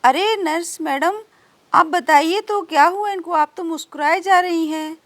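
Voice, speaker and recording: Nervous young husband in a doll story, high voice, slow words, woman doing it. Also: no echo. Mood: anxious. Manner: anxious, hurried.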